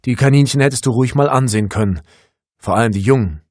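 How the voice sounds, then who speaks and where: A man's voice: medium pitch, fast talker, slightly rough, no echo, clean studio sound, pitched above the performer's own voice, lightly acted. A man voicing a coaxing kindly old man. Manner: coaxing, gently persuasive. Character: kindly older man with bowed legs.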